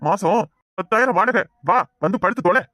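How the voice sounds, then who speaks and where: A man voicing an impatient young village husband in a cartoon, with a Kanyakumari Tamil accent and a brisk, exasperated manner. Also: high voice, sharp tone, no room sound. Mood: scolding. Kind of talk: cartoon voice acting.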